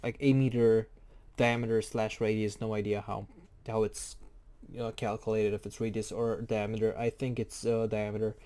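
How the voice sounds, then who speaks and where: Mellow-voiced man explaining game mechanics. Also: fairly low pitch, flat delivery, normal speed, clear, resonant tone. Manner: rambling, jokey, self-correcting. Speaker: game guide creator. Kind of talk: casual spoken game tutorial.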